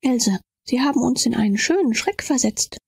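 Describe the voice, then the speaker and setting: A flippant young woman needles and teases in this audiobook, read by a woman. Her voice is very breathy and husky with a gravelly edge. The sound is dry and close. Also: a little high, lively intonation, normal speed, a little mellow, no room sound, voice pushed up, exaggerated voice. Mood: needling. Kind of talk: audiobook reading.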